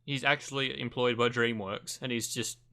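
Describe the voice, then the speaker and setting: A man with a medium-pitched voice chats informally on a podcast. His manner is dry and joking, like banter among co-hosts. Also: steady tone, normal speed, creaky, bright, forceful tone. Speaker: podcast co-host. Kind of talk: casual chat.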